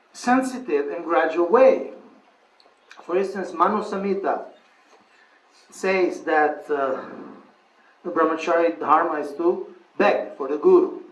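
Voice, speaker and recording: A man's voice: a little high, a bit bright. Male seminar teacher in an echoey hall. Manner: thoughtful, repeats and restarts phrases, laughs at own stories. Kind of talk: lecture answering questions. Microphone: far room mic. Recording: echoey room from far off.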